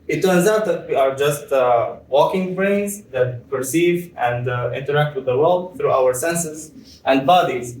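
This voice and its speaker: A young man from Tunisia giving a conference presentation, explaining step by step with frequent pauses and fillers. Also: on the high side, darkish tone, a little hiss or hum. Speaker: PhD student presenter. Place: conference room. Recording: echoey room, far from mic.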